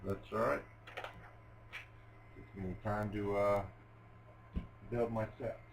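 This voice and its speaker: At home at a table with a cat nearby, a hobbyist gives casual running commentary while building a Lego set on video. His low voice is steady and slow with vocal fry, over slight background noise, as he rambles self-deprecatingly with many fillers and restarts.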